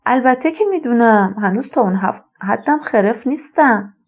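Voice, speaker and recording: A woman voicing an elderly retired male colonel, a rambling and wistful father who speaks slowly and musingly. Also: a little high, lively intonation, dull audio.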